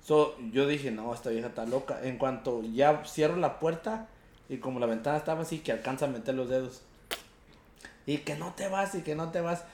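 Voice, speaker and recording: A young man with a Mexican Spanish accent, telling an animated, slang-heavy story in casual chat and acting out the quotes. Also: fairly high pitch, moderate pace, roomy sound.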